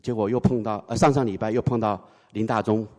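A man giving a spoken church testimony, telling his story with many hesitant fillers and animated bursts. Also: on the low side, fast, long reverb tail.

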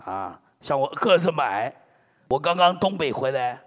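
A middle-aged man from China, a pastor preaching a sermon in an animated, joking way, dropping in amen and hallelujah often. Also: medium pitch, normal speed, long reverb tail.

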